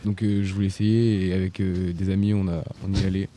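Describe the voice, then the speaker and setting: Teen boy guest, very low mellow voice, soft and trailing, faint ambience. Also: flat delivery, brisk, a little hiss or hum. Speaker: young guest.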